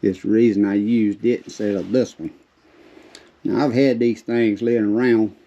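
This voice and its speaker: A man's voice: on the low side, steady tone, normal speed, warm tone. A man with a Southern US accent hosts a casual, folksy how-to vlog, his drawling speech slightly muffled by chewing tobacco in his lip. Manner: folksy, drawling informal talk. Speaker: video host. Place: shed. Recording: distant mic, dull lo-fi sound.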